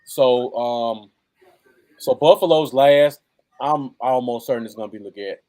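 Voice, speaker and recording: A man's voice: medium pitch, a little slow, dark tone. An American man chatting casually as co-host of a live football fan show. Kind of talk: casual live sports chat.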